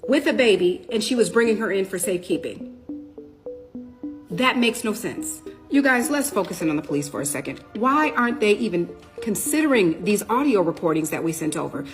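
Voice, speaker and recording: A woman, talking urgently to her viewers and firing off question after question while she does her makeup. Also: mid-range voice. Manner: urgent, questioning, addresses viewers as "you guys". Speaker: storytime TikTok creator. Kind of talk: direct-to-camera storytime vlog.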